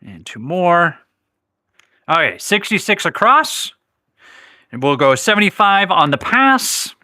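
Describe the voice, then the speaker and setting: A man's voice: sits high, sing-song, slow pace, sharp tone, no echo, studio quality. A man hosting a live craps stream, chatting casually, reading viewer comments and correcting himself, while he has the hiccups. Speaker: livestream host.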